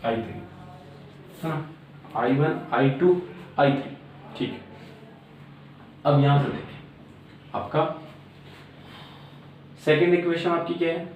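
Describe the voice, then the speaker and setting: A man's voice: a little high, darkish tone. Man lecturing in a very echoey room. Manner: repetitive filler-laden explaining, frequent "aapka". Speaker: teacher. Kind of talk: classroom lecture at a board. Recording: very echoey room, mic far off, faint noise.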